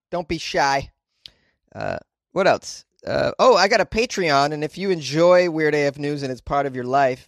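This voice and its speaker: A man's voice: fairly high pitch, dry recording, studio quality. A man from Boston hosting a podcast from a small closet, rambling casually with self-deprecating jokes and mild profanity. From Boston, United States. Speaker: podcast host.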